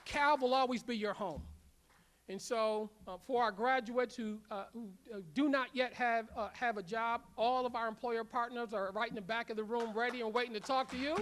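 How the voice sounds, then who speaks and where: School leader, commencement speech, emphatic, repeated rallying lines, halting fillers off-script, middle pitch. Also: steady tone, a bit bright, a little hiss or hum. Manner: emphatic, repetitive rallying phrases, leads call-and-response; halting with frequent "uh" fillers when speaking off-script. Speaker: culinary academy leader giving graduation address. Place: large ceremony room.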